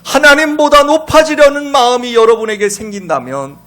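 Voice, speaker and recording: A man preaching a sermon as pastor, dramatic, asking his congregation questions and swinging between loud and hushed. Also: very high voice, moderate pace.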